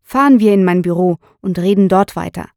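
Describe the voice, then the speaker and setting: A woman's voice: fairly low pitch, a little fast, dark tone, no echo, studio quality, close to an everyday voice. A woman reading the part of a stern middle-aged male police detective who asks firm, probing questions.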